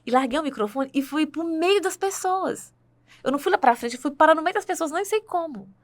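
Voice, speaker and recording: A woman's voice: high-pitched, expressive, brisk. A woman with a Brazilian Portuguese accent telling her faith testimony in conversation, earnest and full of tag questions.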